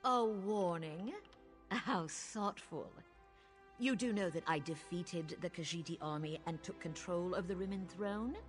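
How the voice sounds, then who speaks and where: A woman's voice: fairly low pitch, moderate pace, hardly any pauses, soft background music, close to an everyday voice. An actress playing a royal, imperious, mocking and power-hungry queen in a video game. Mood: mocking, menacing. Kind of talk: video game character acting.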